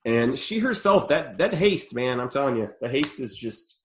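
A man's voice: medium pitch, big pitch swings, moderate pace, a bit bright. A man hosting a casual podcast chat, rambling and laughing often, swearing casually. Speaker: podcast host.

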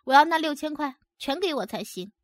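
A woman voicing a furious, cheated young woman who scolds and demands in a shrill, raised voice. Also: expressive, a little fast, no room sound, studio quality. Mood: demanding.

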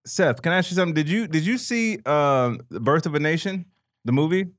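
A man's voice: on the high side, lively intonation, a little fast. A man in a casual panel discussion, talking informally and repeating phrases for emphasis.

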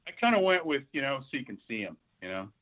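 A man's voice: mid-range voice, very animated, fast. A man, a racehorse owner and breeder, talking in a rambling, casual way as an interview guest on speakerphone. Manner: rambling, with many fillers and restarts. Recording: muffled phone line.

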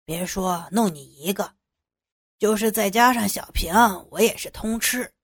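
A woman plays a boastful older man of rank in an audio drama, speaking in a lowered, drawling tone with lazy laughter. The sound is dry and close. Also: a little slow, breathy edge, no echo. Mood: smug. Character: older male official, leering and boastful.

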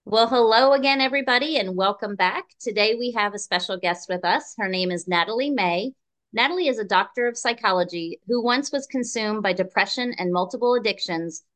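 A woman's voice: mid-range voice, fairly bright tone. A woman hosting a podcast, introducing a guest and asking questions in an upbeat, emphatic way. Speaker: podcast host. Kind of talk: scripted intro and interview hosting.

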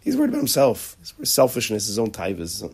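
A man's voice: lowish voice, huge pitch swings, quick pace, a little mellow, breathy edge. A man teaching a conversational lecture on character traits, acting out bits of dialogue and often restarting his sentences. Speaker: Torah teacher.

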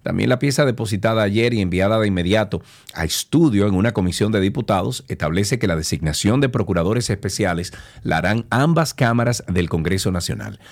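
A man's voice: on the low side, lively intonation, a little fast. A man hosting a radio show, reading news and taking calls with small stumbles. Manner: reads news with hesitations, chats warmly with callers. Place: radio studio.

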